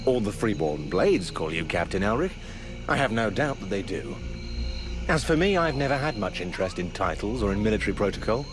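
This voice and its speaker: An actor playing a haughty, sarcastic elf archer in a video game, articulate and mocking. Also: male voice, on the low side, sing-song, a little fast. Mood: wry, confident. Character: sardonic, haughty elf archer with taunting wit. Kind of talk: video game character acting. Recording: music behind the voice.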